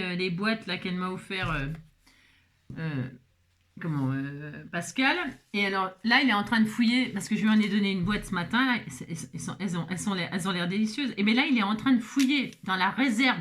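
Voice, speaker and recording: Brisk and animated, a woman with a medium-pitched, fairly bright voice walks the viewer through a craft project at home. Her chat is casual and full of fillers as she thinks aloud, and she regularly checks in with her audience.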